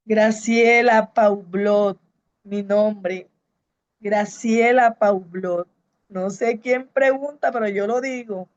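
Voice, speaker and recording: A woman's voice: mid-range voice, steady tone, slow pace, dry recording, dull audio. A woman pastor and evangelist, giving a fervent preaching testimony to a congregation and repeating her key phrases. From Colombia.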